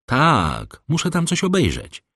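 A man voicing a thoughtful, wary young gentleman with a slightly raised, questioning voice, read in an audiobook. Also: fairly high pitch, wildly swooping pitch, unhurried, no echo, studio quality, pitched above the performer's own voice, full character voice.

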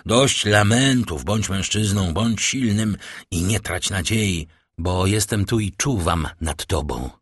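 A man voicing a brooding, commanding count, with slow, hushed and solemn speech. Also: deep voice, breathy edge, no room sound, clean studio sound, exaggerated voice. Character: brooding powerful count, middle-aged man, grave and commanding.

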